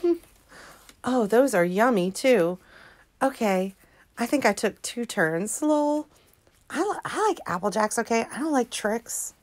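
A woman's voice: a little high, very animated, measured pace. A woman in her forties vlogging in a casual, rambling way, giggling and mocking herself as she tells a family story. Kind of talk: casual chat, reading out messages.

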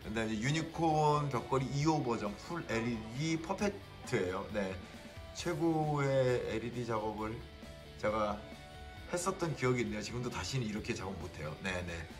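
Male vlog host, unhurried and admiring, phone-recorded indoors, faint music behind. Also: medium pitch, expressive. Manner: admiring, unhurried, many "네" fillers. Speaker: model builder and channel host. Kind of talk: casual walkthrough vlog. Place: indoor exhibition cafe.

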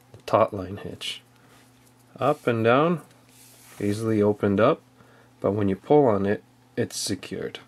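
Low-voiced man explaining knots step by step. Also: a little mellow. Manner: plain, step-by-step explaining with fillers. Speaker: outdoor skills instructor. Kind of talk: casual how-to demonstration.

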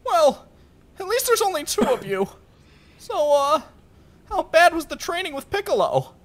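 A performer voicing a small, cheerful, excitable young warrior in a parody cartoon dub, chirpy and eager. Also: extremely high pitch, unhurried, full character voice. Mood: wary.

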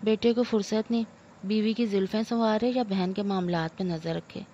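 A woman's voice: mid-range voice, fairly even intonation, moderate pace, dark tone, highs cut off, a little hiss or hum, natural voice. A woman voicing an aging, self-pitying mother-in-law who scolds and laments theatrically. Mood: aggrieved. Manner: wailing complaints, theatrical laments.

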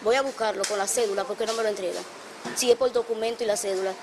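A woman's voice: mid-range voice, fairly even intonation, quick pace, background noise. A middle-aged woman with a Dominican accent, agitatedly retelling a dispute in an interview. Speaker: interviewee, mother.

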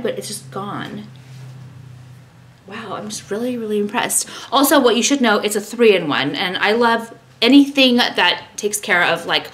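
This is a casual vlog from a woman in her thirties, who talks about a skincare product in her bedroom with the camera at arm's length, rambling and making fun of herself. Her voice is on the low side and a bit bright, with a little hiss or hum on the recording.

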